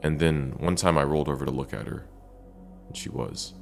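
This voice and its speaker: Casting: male horror storyteller, extremely low gravelly voice, dramatic and deliberate, over faint music. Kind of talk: first-person scary story narration.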